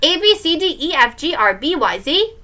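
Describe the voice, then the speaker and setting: A high, bright little boy's voice, as a woman puts him on, singsong and showing off. The toddler chatters playfully, bouncing up and down in tone through a storybook reading. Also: very animated, normal speed, exaggerated voice. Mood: curious.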